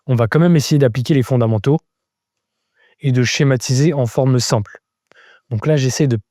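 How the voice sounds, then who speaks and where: A man teaches drawing on a live stream, thinking aloud step by step as he sketches and casually answering viewers in the chat. His medium-pitched voice is mellow, and the studio-quality recording has no room sound.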